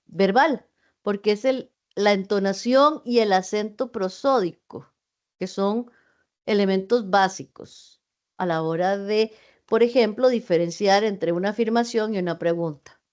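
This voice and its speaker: A woman's voice: mid-range voice, measured pace, darkish tone. Middle-aged woman teaching an online class. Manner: explanatory, conversational, with frequent fillers and asides. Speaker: university teacher. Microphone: video call.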